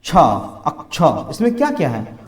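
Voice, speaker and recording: A man's voice: on the high side, wildly swooping pitch, measured pace, echoey room. A man teaching Hindi grammar in a lecture. He asks questions and answers them himself, repeats key words and voices the students' objections. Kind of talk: classroom lecture.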